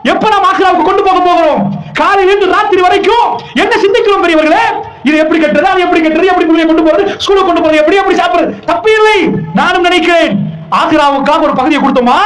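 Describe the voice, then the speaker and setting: A man's voice: extremely high pitch, fast talker, a bit bright, echoey room, poor audio. A man preaching an Islamic sermon, fervent and emotional, firing rhetorical questions at the congregation.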